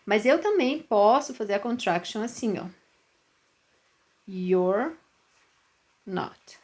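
A woman's voice: animated, a little mellow. A woman, teaching a beginner English lesson and patiently checking understanding as she goes. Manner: reads English examples slowly and with lifted pitch.

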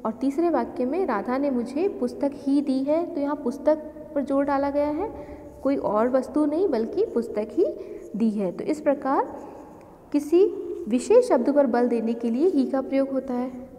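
A woman teacher explaining a grammar lesson slowly and deliberately, listing examples one by one. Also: sits high, animated, dark tone, long reverb tail.

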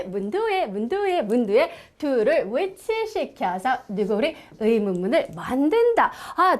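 A woman's voice: high voice, darkish tone. A woman from South Korea teaching an English grammar lecture, who repeats words in sing-song drills and laughs often.

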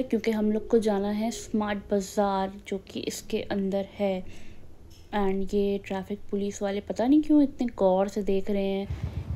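Against a noisy background, a young woman narrates her family vlog in a medium-pitched voice with a North Indian Hindi accent. She chats casually and mixes English phrases into her Hindi.

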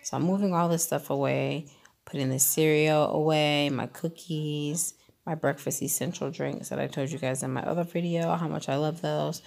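A woman vlogger giving a chatty, relaxed voice-over about her home cleaning routine. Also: sits low, normal speed, gravelly. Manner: chatty and relaxed, with fillers like "um" and "kinda". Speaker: lifestyle vlogger. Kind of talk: casual voice-over narration. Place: home recording, voice-over not recorded in the pictured kitchen.

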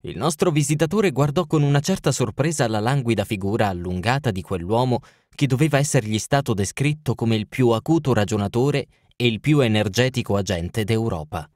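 A man's voice: mid-range voice, animated, a little fast, few pauses, a little mellow, dry recording. Man narrating an audiobook in a dry, close voice. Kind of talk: scripted narration.

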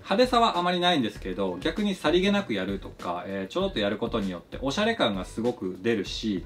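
A flair bartender explains his craft in a polite, scripted way, like an educational narration. His pitch swings in a lively manner as he explains.

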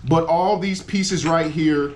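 A man's voice: a little high, takes it slowly, darkish tone, a little hiss or hum. A man in his forties talking casually to camera in an outdoor unboxing vlog, enthusiastic and exclaiming over each part. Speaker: cycling vlogger. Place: outdoors against a building wall.

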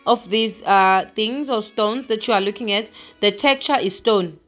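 Soft music underlies this casual travel vlog, in which a woman holds her phone and rambles while walking outdoors, then into a cave, often laughing at herself. She speaks at a measured pace in a medium-pitched, fairly bright voice.

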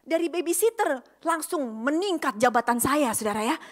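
A woman's voice: high voice, expressive, moderate pace. A woman pastor from Indonesia preaching in a storytelling way, acting out the voices of the people in her story. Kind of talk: storytelling sermon.

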